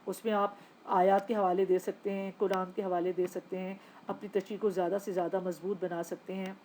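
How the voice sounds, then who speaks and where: A woman's voice: medium pitch, little pitch movement, mellow, slight background noise. A woman teaching a recorded Urdu class, explaining step by step and answering her own questions, with a Pakistani Urdu accent. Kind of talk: recorded lecture.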